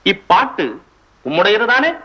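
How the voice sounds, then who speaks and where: A man's voice: sits high, animated, unhurried. A young man in a school play, playing a proud, stern male court poet who speaks in lofty, reproachful formal tones. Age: teens. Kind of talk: school stage play acting. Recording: dull lo-fi stage recording.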